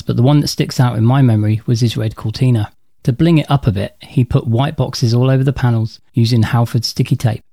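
A man's voice: medium pitch, dark tone, no echo. A man in his forties hosting his own podcast, telling personal stories in a dry, matter-of-fact way from a script. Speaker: podcast host.

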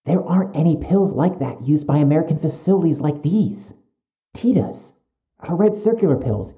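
In an audio drama, a male actor voices a suspicious young medical student, choosing precise, urgent words with a stiff formality. His voice is fairly high with a dark tone, close to an everyday speaking voice.

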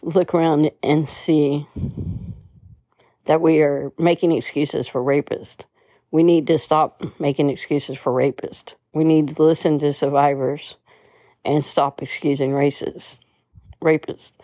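A woman reciting a repetitive spoken-word protest piece in an earnest, measured way, now and then stumbling and restarting a word. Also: sits low, little pitch movement, warm tone, no echo.

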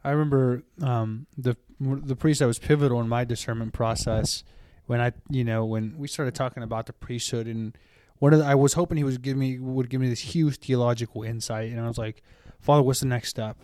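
A man casually telling a story with lots of ums and likes, animated when quoting people. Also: medium pitch, fairly quick, clean tone, no room sound, clean studio sound. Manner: animated, many fillers and restarts, lively quoting.

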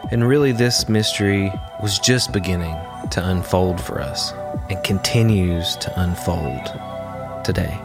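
A man hosting a podcast, reading scripted narration in a measured, earnest way. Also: low-pitched. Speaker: podcast host. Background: music.

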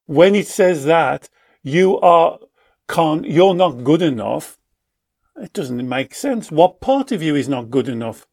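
A man with a voice on the high side talks through his ideas in a relaxed conversation. He is a therapist and tells stories with animation, slipping into quoted voices as he goes. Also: slow pace. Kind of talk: explaining in a conversation.

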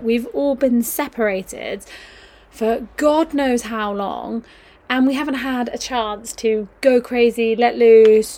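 A woman's voice: a little high, dark tone. A young woman hosting her own podcast, chatting casually as an agony aunt, rambling and self-mocking, with the odd swear. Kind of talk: casual solo podcast chat.

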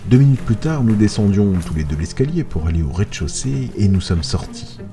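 A man narrating a first-person horror story in a hushed, suspenseful way. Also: lowish voice, animated, a little fast, over music.

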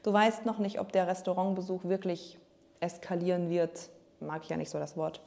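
Woman coach doing a solo podcast, casual and slangy, kinda pep-talky, mellow warm tone. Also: fairly low pitch, little pitch movement, normal speed, creaky. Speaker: weight-loss coach.

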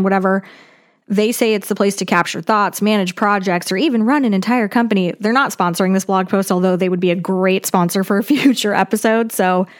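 A young woman with a mid-range voice gives casual advice on her own. She sounds upbeat and practical, like a tidy organiser passing on tips. Her phrasing is chatty and informal, as a podcast host talking straight to listeners. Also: mid-range voice. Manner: informal, peppered with "like". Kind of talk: casual solo advice monologue.

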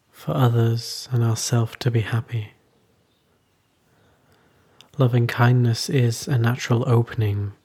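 Short phrases separated by long pauses mark this man's calm, unhurried guided meditation, delivered as a teacher. He has a mid-range, slightly mellow and husky voice.

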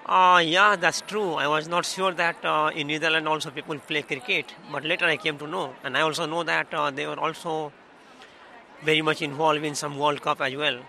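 A man's voice: fairly high pitch, fairly even intonation, normal speed, gravelly, bright, forceful tone, a little hiss or hum. A man from India, a computer engineer, answering politely and hesitantly.

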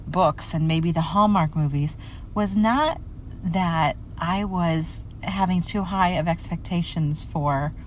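A middle-aged woman with a lowish voice gives a candid personal talk on faith and family life, conversational and self-deprecating, repeating words for emphasis. A slight hiss or hum sits in the background.

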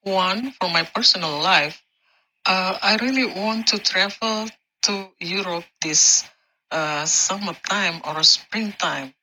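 A woman's voice: mid-range voice, slow pace, pushed and bright, slight background noise, rough recording. A woman from Indonesia, a podcast listener sharing her goals, hesitant with fillers.

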